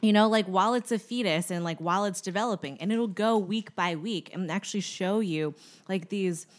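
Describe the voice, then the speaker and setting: A woman's voice: medium pitch, brisk. A young adult woman co-hosting a podcast in casual chat, talking easily with lots of fillers. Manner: chatty, many fillers, laughs easily. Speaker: podcast co-host.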